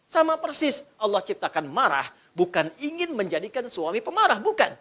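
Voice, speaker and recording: Middle-aged guy preaching, pitch bouncing all over, cracks jokes n quizzes the crowd. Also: big pitch swings, fairly quick, sharp tone. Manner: jokey, quizzes the audience. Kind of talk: sermon.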